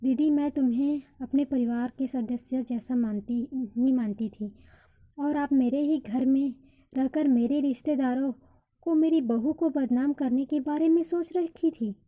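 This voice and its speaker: A woman's voice: sits high, unhurried, phone-quality sound. A woman voicing a stern middle-aged mother who talks reproachfully. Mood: angry.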